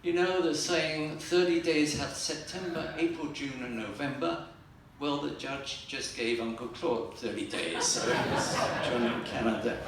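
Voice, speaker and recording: An older man doing stand-up comedy at a live fundraiser, telling dry jokes with pauses and fillers. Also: on the high side. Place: library fundraiser event room. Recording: echoey room from far off, noisy.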